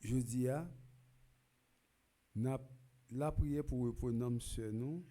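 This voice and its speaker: A priest with a Haitian accent speaks at an unhurried, deliberate pace in a church during a requiem mass. His voice is dark and mellow, and he is measured, swelling at times into loud proclaiming calls. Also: mid-range voice. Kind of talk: gospel reading and funeral homily.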